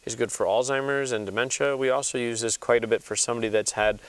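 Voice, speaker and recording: A man's voice: mid-range voice, fairly even intonation, quick pace, no echo. Plain-spoken male chiropractor explaining. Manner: plain, explanatory, walks through examples. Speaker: chiropractor on a health show. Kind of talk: health talk show explanation.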